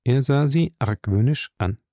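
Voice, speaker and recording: A male audiobook narrator tells the story at a measured, steady pace. His voice has a gravelly, creaky texture. It is recorded close and dry, with no room sound. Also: mid-range voice, no room sound. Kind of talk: scripted narration.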